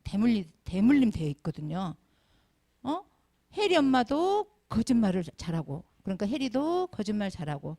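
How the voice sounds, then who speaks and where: A woman's voice: medium pitch, moderate pace, vocal fry. A middle-aged woman giving a Sunday school sermon to children, asking them question after question. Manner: asks the children constant questions, animated.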